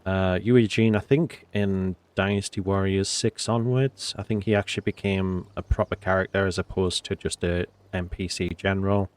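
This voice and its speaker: A game commentator with a cold speaks in a deep, nasal voice, keeping a steady tone and a moderate pace with hardly any pauses. The tone is clean, though his casual talk rambles and hesitates with many fillers.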